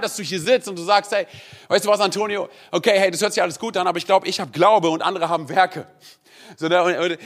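Male preacher, lively conversational sermon, somewhat high pitch. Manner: lively, conversational, peppered with "hey" and "oder?". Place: church.

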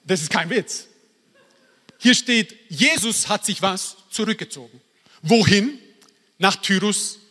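A man preaching a sermon in a lively, emphatic way, turning to the congregation with asides. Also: high voice, husky, long reverb tail. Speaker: pastor.

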